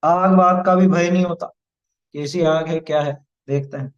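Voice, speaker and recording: A man teaching a devotional hymn who slowly chants its Sanskrit verses, then patiently explains each word and its pronunciation. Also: fairly high pitch, steady tone. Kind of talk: verse-by-verse recitation and pronunciation lesson. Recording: slightly dull lo-fi recording.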